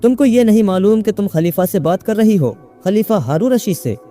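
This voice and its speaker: A man's voice: sits high, lively intonation, normal speed, faint music behind. A man reading a story, voicing an angry young man who insists he is the caliph and barks orders. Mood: imperious. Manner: commanding, shouting, indignant.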